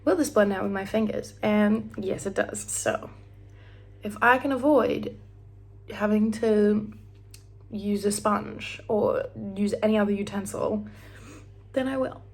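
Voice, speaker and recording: A young Australian beauty vlogger chats in a rambling get-ready-with-me video, pausing often as she works on her hair and makeup at home. She speaks at a measured pace in a medium-pitched, darkish voice, sometimes singing snippets or dropping into a whisper.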